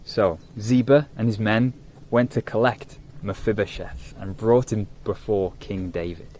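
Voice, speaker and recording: A man telling a Bible story to camera in an animated, conversational way. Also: lowish voice, unhurried, slight background noise. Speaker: youth vlogger and interviewer.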